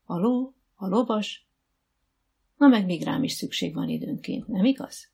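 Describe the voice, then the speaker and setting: A woman voicing a patient, kind riding instructor who speaks calmly and encouragingly, with gentle teasing. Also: mid-range voice, gravelly, breathy edge, heavily acted.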